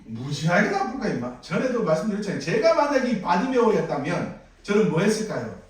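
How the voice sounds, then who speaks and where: A man's voice: sits high, brisk. A male pastor with a Gyeongsang accent preaching a sermon, putting questions to the congregation. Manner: animated, asks the congregation questions. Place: church sanctuary. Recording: echoey sanctuary from far off.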